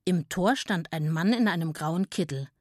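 A woman narrating a children's storybook in a gentle, clear and expressive way. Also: on the low side, moderate pace, dry recording, clean studio sound.

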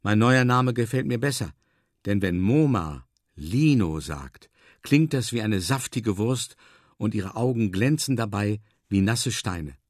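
A man reading a children's story in the first person as a dog, in a calm, measured way with drawn-out emphasis. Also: fairly low pitch, no room sound, studio quality. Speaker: audiobook narrator.

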